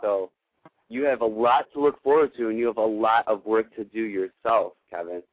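Speaking at a normal speed, a man with a fairly low, fairly even voice hosts a call-in advice show, where he guides callers. He sounds earnest and emphatic, affirming them in a spiritual-coaching style, and the recording has a thin, phone-like radio quality.

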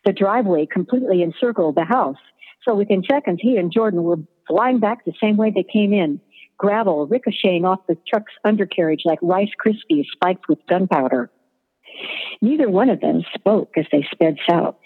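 A woman narrating a scripted story in an even, descriptive way, over a tinny line with long reverb. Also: mid-range voice, moderate pace, slightly rough.

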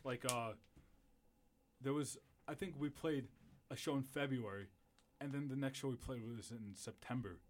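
A man in a band, calmly recounting the band's history in a relaxed interview. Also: medium pitch, normal speed, pauses often, slight background noise. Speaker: band member.

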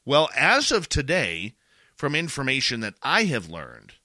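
A Canadian man giving opinion commentary in an emphatic, deliberate way, posing rhetorical questions and pausing for weight. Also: medium pitch, wildly swooping pitch, bright, forceful tone, no echo, clean studio sound.

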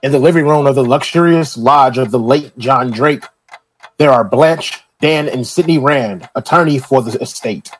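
An actor playing a sinister, ominous horror storyteller with a grim reaper manner in an old radio show. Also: male voice, medium pitch, normal speed, a little hiss or hum, close to an everyday voice, poor audio. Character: Doctor Weird, sinister male horror storyteller.

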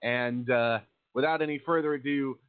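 A man's voice: medium pitch, fairly even intonation, moderate pace, smooth. A man hosting a live wrestling talk radio show. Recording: thin phone-like internet radio sound.

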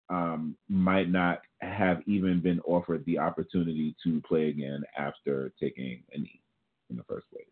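Male co-host, very low voice, deliberate and questioning, heard over thin phone-like audio. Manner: deliberate, asks rhetorical questions. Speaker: podcast co-host. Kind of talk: casual talk-show commentary. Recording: tinny phone-like call audio.

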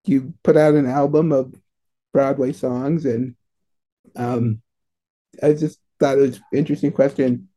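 A man's voice: medium pitch, steady tone, a little slow, long pauses, warm tone. A man asking casual interview questions in a tentative, informal way.

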